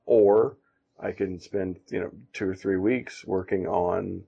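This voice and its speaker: A man co-hosting a casual podcast, talking in halting, self-deprecating stops and restarts. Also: sits low, steady tone, vocal fry, warm tone, slightly rough. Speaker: podcast co-host and comic artist. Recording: dull lo-fi sound.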